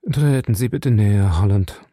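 A man's voice: lowish voice, normal speed, mellow, no echo, clean studio sound, natural voice. A man doing a weary, dejected rich father. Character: tired, dejected wealthy father. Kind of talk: audiobook reading.

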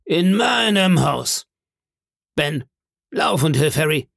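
A man playing a jovial one-legged pirate innkeeper in a storybook, hearty and blustering, raised higher than a plain voice. The delivery is slow and gravelly, with a lively swing in pitch. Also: no echo, clean studio sound. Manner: hearty, booming, feigned indignation.

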